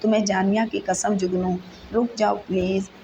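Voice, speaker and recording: A woman's voice: medium pitch, level tone, dark tone, lo-fi sound, slight background noise, lightly acted. A woman reading the lines of a devoted young wife who coaxes and pleads with her husband. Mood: frantic. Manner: coaxing, pleading.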